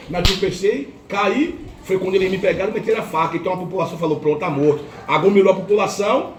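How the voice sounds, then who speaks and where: A man with a Brazilian Portuguese accent giving an impassioned church testimony at a home worship gathering. He repeats phrases for effect and acts out the voices of others. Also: sits high. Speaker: lay preacher giving testimony. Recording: roomy, distant, faint noise.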